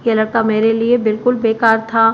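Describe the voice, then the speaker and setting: Woman storyteller, steady crime-story reading, slightly high voice, dull lo-fi sound with faint hiss. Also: fairly quick. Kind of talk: scripted narration of a crime story. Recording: muffled with faint background hiss.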